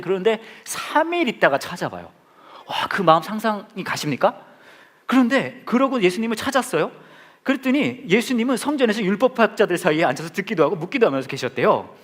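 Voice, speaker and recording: A man's voice: high-pitched, fairly bright tone. A man in his forties preaching a playful sermon, joking and acting out scenes with his congregation.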